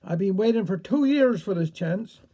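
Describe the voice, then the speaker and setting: A man voicing a muddled, slow-witted Cornish villager who rambles in dialect. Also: sits high, lively intonation, warm tone.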